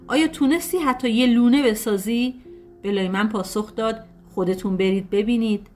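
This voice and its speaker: Woman reading a folk tale over guitar. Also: on the high side. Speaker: audiobook narrator. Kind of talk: storybook narration of a folk tale. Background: soft guitar music.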